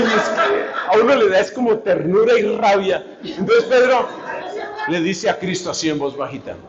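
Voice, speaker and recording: A man preaching a sermon, animated, humorous and emphatic. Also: on the high side. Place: hall with a live audience. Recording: echoey hall, dull sound, live audience.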